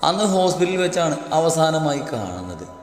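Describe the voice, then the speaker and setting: A man narrating a dramatic story in a steady, measured reading. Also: a little high. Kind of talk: scripted narration. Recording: roomy long reverb, faint music.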